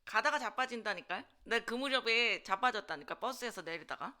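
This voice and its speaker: A woman preaching in a church, telling personal stories in a lively, self-mocking way and putting rhetorical questions to the congregation. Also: on the high side, brisk. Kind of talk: storytelling sermon.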